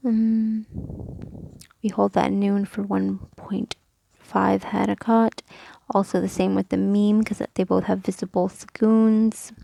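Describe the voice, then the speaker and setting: A woman's voice: medium pitch, flat delivery, slow pace, gravelly, mellow, no room sound. A woman teaching a recorded reading lesson, explaining each rule step by step in a patient, methodical way with frequent ums and small self-corrections.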